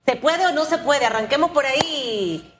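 A woman's voice: high voice, lively intonation, normal speed, noisy background. A woman hosting a morning news talk show, questioning her guest in a conversational way. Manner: conversational, asks pointed questions.

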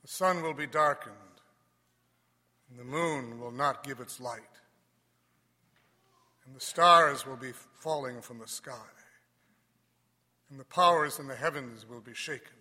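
A man, a priest, leading Mass and giving a homily in a measured, deliberate way that softens at the end of phrases, heard with a long cathedral echo. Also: mid-range voice. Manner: measured, deliberate, dropping softly at phrase ends. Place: large church.

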